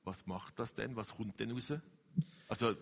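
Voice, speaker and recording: A man's voice: lowish voice, steady tone, gravelly, husky. Probing male interviewer, hall echo. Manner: probing, rephrasing questions, halting. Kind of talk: faith interview.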